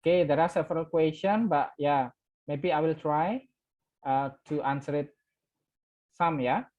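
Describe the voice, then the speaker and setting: An unhurried man with a narrow voice on the high side, heard through tinny audio, lectures an English class. Originally from Java, he has an Indonesian accent and grew up speaking Javanese. His talk switches between English and Indonesian, with key words repeated using "ya".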